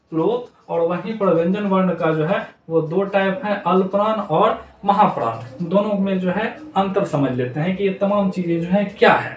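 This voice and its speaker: High-voiced male teacher in an echoey room. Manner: repetitive, drills terms aloud. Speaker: Hindi grammar teacher. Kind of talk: classroom lesson to children. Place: noisy room. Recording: echoey room, distant mic, faint noise.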